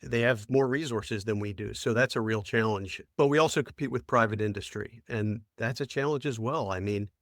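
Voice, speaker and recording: Steady plain-spoken American man in his fifties. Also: on the low side, brisk, hardly any pauses, dry recording, studio quality. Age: 50s. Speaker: township manager. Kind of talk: roundtable discussion.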